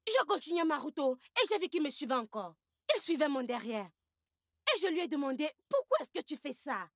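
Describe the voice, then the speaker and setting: Fiery village girl, high voice jumping all over, scolding nonstop, dry close dub. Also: sing-song, fairly quick, dry recording. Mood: indignant. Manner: shouting, scolding, repeats herself. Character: hot-tempered young village woman, quick to fight. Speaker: dub actress. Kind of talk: dubbed film dialogue.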